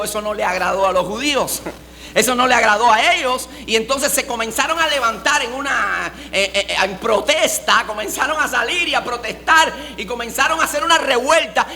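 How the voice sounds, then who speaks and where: A man's voice: very high-pitched, pushed and bright, slight background noise. A male pastor preaching a sermon emphatically, asking rhetorical questions and calling his listeners beloved.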